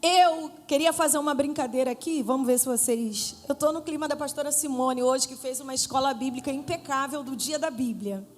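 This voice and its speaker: A woman pastor with a Brazilian accent preaching a Pentecostal sermon, playful with the congregation and rising to shouts. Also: high voice, fairly quick, hardly any pauses. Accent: Brazilian Portuguese. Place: church hall with live congregation. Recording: church hall reverb with faint music.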